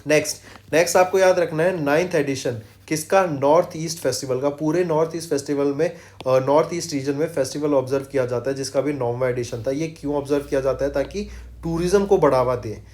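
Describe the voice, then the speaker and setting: Quizzing students on current affairs for exams, this teacher, whose voice is a little high with a darkish tone, fires quick questions, answers them himself, and repeats the facts, weaving English phrases into his Hindi. English lines get read slowly, one word at a time.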